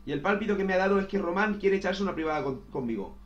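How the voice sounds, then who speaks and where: Young-sounding male gaming host, fairly high voice, hyped and profane, echoey room. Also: very fast, lo-fi sound. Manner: excitable, swears, says "tío" constantly. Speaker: gaming youtuber. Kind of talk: casual gameplay commentary.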